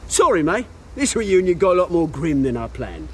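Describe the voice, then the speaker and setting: An actor playing a cocky, volatile British rogue, a fallen heir turned revolutionary, taunting and theatrical in a video game. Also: male voice, a little high, sing-song, normal speed, darkish tone, a little hiss or hum. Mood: sly, threatening.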